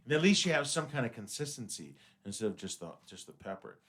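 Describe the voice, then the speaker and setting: A man's voice: mid-range voice, big pitch swings, fast, a bit bright. A man in his fifties hosting a casual radio talk show, rambling with many stammered restarts. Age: 50s. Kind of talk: casual studio chat.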